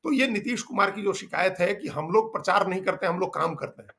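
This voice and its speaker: A man's voice: high voice, animated, a little fast, creaky, fairly bright tone. A man, a political journalist, explaining the news emphatically in a discussion and repeating phrases for stress.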